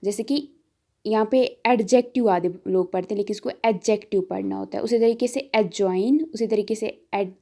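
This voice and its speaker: A woman tutor talks through an exam-prep lesson. Her voice is mellow and warm. She explains patiently and slows down to repeat each example word. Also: medium pitch, creaky.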